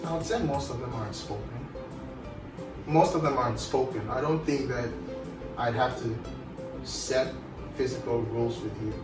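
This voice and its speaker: A man's voice: mid-range voice, moderate pace, long pauses. A man from Ghana, a guest in a casual group chat, speaking in an easygoing, thoughtful way. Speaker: interview guest. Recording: echoey, distant mic, background music.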